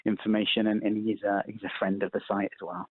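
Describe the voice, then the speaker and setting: A man's voice: lowish voice, level tone, quick pace, no room sound. A man with a Wiltshire accent chatting casually as a radio quiz guest, jovial and teasing. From Wiltshire, England. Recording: slightly dull radio audio, music underneath.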